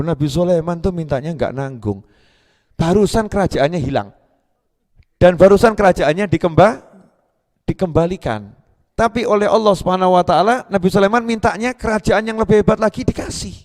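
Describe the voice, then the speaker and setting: A man preaching to a gathering, his colouring a loose, chatty delivery. His voice sits a little high, and he teases the listeners and clips words before restarting them. A long reverb hangs in the hall behind him. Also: a little fast, a little mellow. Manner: conversational, teasing the audience, restarts words mid-syllable. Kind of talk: sermon to a live gathering.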